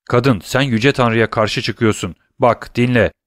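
A man's voice: mid-range voice, fairly even intonation, measured pace, no echo, studio quality, lightly acted. A man voicing a nervous, greedy male innkeeper who talks in a trembling voice. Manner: anxious, flustered.

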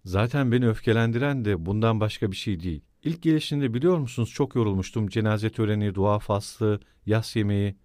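A man's voice: fairly low pitch, a little fast, few pauses, a little mellow, no echo, studio quality, lightly acted. A man voicing a brooding, eerie, absent-minded middle-aged landowner in an audiobook reading, with a musing, rambling delivery.

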